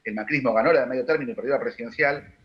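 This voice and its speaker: A man with a Rioplatense Argentine accent, a political analyst giving measured, analytical answers on a panel, with frequent fillers and restarts. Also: mid-range voice, dull audio. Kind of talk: broadcast panel discussion.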